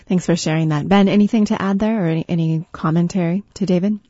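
Smooth, mellow woman radio host. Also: on the low side, steady tone, quick pace, dry recording, highs cut off. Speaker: radio call-in show host. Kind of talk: smooth radio hosting, taking calls and guiding a panel.

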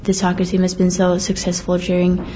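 Brief: young Swedish student athlete, steady flat delivery, lots of "uh" and "like". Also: female voice, lowish voice, a little fast, muffled recording, a little hiss or hum. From Sweden. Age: young adult. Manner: hesitant, many fillers. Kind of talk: interview answers.

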